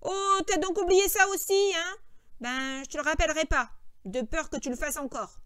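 A woman's voice: high-pitched, expressive, moderate pace, clear, resonant tone, no room sound. A woman reading an audiobook, voicing a short-tempered grown man who scolds and orders his companion about. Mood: instructing, scolding. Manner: scolding, sharp, impatient. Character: irritable, bossy adult male farmhand, short-tempered.

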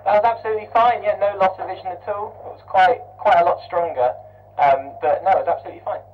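A man with a high voice comes through a headset intercom, the sound muffled and dull. He answers his instructor in a casual, calm and cheerful way, in short replies. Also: quick pace. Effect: heard over a headset intercom. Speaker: centrifuge trainee.

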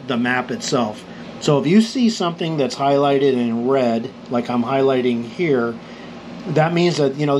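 A middle-aged motorcycle vlogger from New Mexico calmly walks through road maps for planning a motorcycle trip. He rambles, using fillers and restarts, in a mid-range voice with slight background noise.

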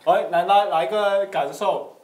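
A man playing an excitable young son in a comedy skit, loud and playful. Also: high-pitched, measured pace, a little hiss or hum. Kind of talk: comedy skit role-play. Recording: roomy echo.

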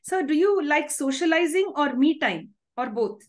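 A woman's voice: high-pitched, animated, normal speed. A woman in her thirties with an Indian accent, hosting a video-call interview in an effusive, polite, affirming way. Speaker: interview host. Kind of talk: conversational interviewing. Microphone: video call microphone.

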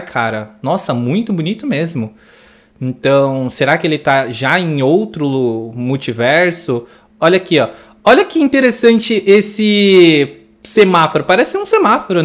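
A man with a Brazilian Portuguese accent reacting to a movie trailer, effusive and exclamatory as he gushes over each scene. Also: fairly high pitch. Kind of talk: excited trailer reaction commentary.

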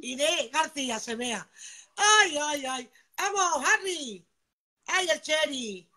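Live-stream seller, woman from Spain, bright and fairly high, chatty and nonstop. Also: expressive, takes it slowly. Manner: chatty, keeps asking "vale", greets viewers by name. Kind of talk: live-stream sales pitch.

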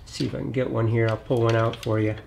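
A middle-aged man hosting a hands-on repair tutorial in his home garage, talking in a relaxed, plainspoken way as he works on an engine bay. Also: mid-range voice, fast, gravelly, a little hiss or hum. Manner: relaxed, plainspoken, thinks aloud while working. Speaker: DIY auto repair channel host.

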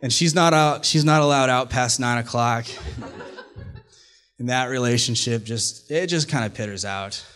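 A man's voice: medium pitch, moderate pace, fairly bright tone. Wry young man telling a stage story. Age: 20s. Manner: wry, self-deprecating, plays lines for laughs. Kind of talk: live personal storytelling. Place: small stage venue, indoors. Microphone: stand mic at mouth.

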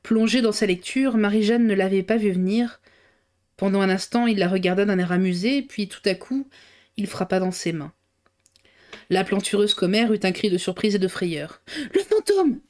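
A woman's voice: medium pitch, normal speed, darkish tone. A woman reading a classic novel aloud on a livestream, narrating steadily and correcting herself now and then. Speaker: reader.

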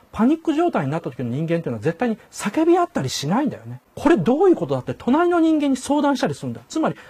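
A man's voice: high-pitched, darkish tone, husky. An older man giving a casual spoken critique as a commentator. He acts out quoted dialogue in raised voices and chuckles as he talks. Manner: chuckles while talking.

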